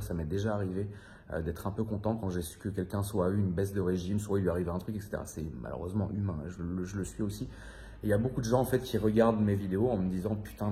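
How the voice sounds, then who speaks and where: A French vlogger in his thirties rambles to the camera in a loose, confiding monologue, slangy and casually swearing, with plenty of fillers and repeats. His voice is fairly low-pitched and dark in tone.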